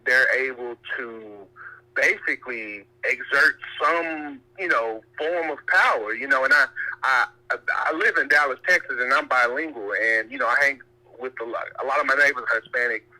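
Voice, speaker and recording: This caller is a man with a sharp, mid-range voice who offers his opinions conversationally on a telephone-like line, stopping and starting and going back to rephrase things.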